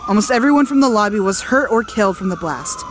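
A woman's voice: mid-range voice, expressive, fast, natural voice. A woman playing a no-nonsense investigator in an audio drama. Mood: businesslike. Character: brisk, no-nonsense female police investigator. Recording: loud sirens and vehicle noise.

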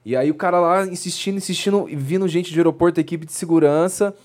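Man, young, slightly high, rapid-fire storyteller, acts out quotes. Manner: animated storyteller acting out quotes. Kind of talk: casual chat.

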